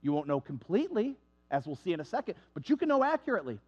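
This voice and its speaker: High-voiced, animated male preacher. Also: very fast, breathy edge. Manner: animated, conversational preaching with asides. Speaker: pastor. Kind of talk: storytelling sermon. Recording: dull lo-fi sound.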